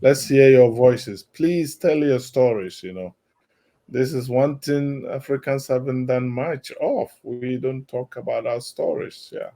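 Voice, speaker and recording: A man's voice: mid-range voice, unhurried, dark tone. A man presenting in an online meeting, encouraging and emphatic with listeners. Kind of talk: online talk Q&A. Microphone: video call.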